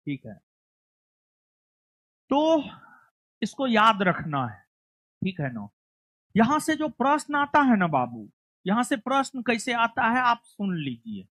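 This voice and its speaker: Woman teacher, unhurried delivery, dry close sound, classroom drilling. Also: fairly high pitch, sing-song, fairly bright tone, no echo. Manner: coaxing, scolding students in a local dialect. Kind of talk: classroom lecture.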